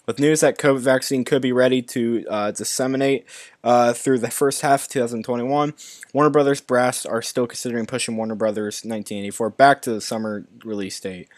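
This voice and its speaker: A man's voice: mid-range voice, fairly even intonation, brisk, dry recording, studio quality. A young man hosting a live stream, reading movie news articles aloud and commenting, often stumbling and restarting words. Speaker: YouTube movie news host.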